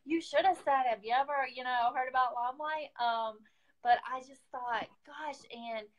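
In a relaxed live chat, a woman who works as a beauty guide and speaks with an Oklahoman accent recounts a story loaded with fillers and quoted asides. Her voice is high and her pace moderate, and the recording's highs are cut off.

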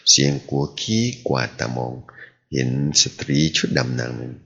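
A man reading a translated martial-arts novel aloud as the serial's narrator, telling it in an animated way. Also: rumbling low, normal speed, creaky, slightly rough. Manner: animated storytelling. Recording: dull lo-fi audio.

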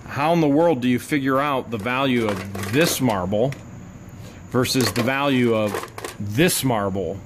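A man narrating as he digs through boxes from a bought storage unit, casual and chatty, breaking into excited high exclamations over finds. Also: noisy background. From United States. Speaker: storage unit reseller vlogger.

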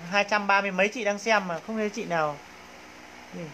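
A man's voice: high-pitched, steady tone, fast talker, sharp tone, poor audio. A man with a Northern Vietnamese accent hosts a live clothing sale. He talks like a practised salesman, hyping the goods and coaxing viewers along. There is faint background noise on the phone livestream.

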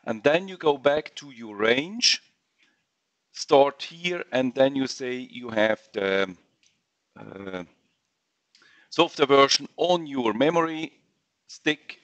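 Slow, halting man giving a webinar. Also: mid-range voice, fairly bright tone, dry recording, dull audio. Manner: halting non-native English with fillers and restarts. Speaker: software trainer. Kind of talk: webinar screen-share walkthrough.

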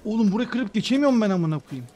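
Loud, profane young streamer. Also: male voice, high voice, sing-song, quick pace. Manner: loud, profane, jumpy outbursts and mutters. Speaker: gaming streamer. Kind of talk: live gameplay commentary.

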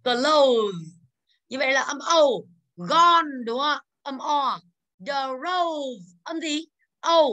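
A woman's voice: high voice, takes it slowly, bright, forceful tone. A woman in her thirties from Vietnam, an English teacher going over exercises with her class in a classroom, calling on students by name and drilling pronunciation.

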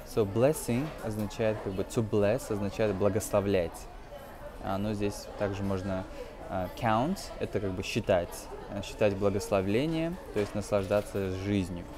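Speaking at a moderate pace in a lowish voice, this man in his twenties teaches English informally using a film. He works through the material hesitantly, phrase by phrase.

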